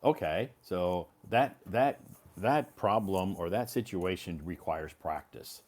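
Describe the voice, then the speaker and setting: Playing an English teacher, an American man with a low, darkish voice offers conversational advice slowly and encouragingly. He repeats key points to emphasize them.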